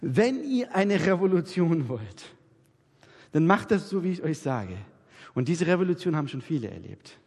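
A man's voice: fairly high pitch, very animated, normal speed, darkish tone. A man preaching an anecdotal sermon, telling stories and acting out the dialogue in different voices. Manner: storytelling, acts out dialogue in voices. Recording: reverberant hall.

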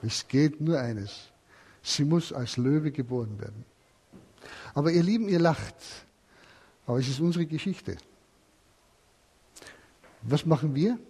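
Husky guy preaching, tells a story, keeps asking the crowd stuff. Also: a little high, lively intonation, unhurried, long pauses, dark tone. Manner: storytelling, asks the listeners questions. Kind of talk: sermon with a told parable.

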